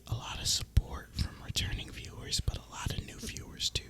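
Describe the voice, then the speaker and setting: The host of an ASMR gaming video rambles in a casual, relaxed manner, using a breathy, unvoiced whisper at a fairly quick pace.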